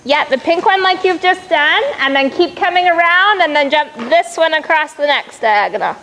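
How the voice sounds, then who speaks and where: A high-voiced woman works as a riding coach, calling out brisk, projected commands and encouragement. She sounds like she is teaching live in an arena, with clear ambient noise around her. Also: lively intonation, fairly bright tone, poor audio. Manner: encouraging, praising the rider. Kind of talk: live riding lesson instruction.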